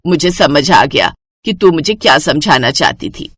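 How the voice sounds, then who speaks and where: Woman doing a stingy old mother-in-law, low and grumbly, big pitch swings. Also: expressive, normal speed, breathy edge, dry recording, clean studio sound. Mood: pleading. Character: stingy elderly mother-in-law, bossy then chastened. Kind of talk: storybook voice acting.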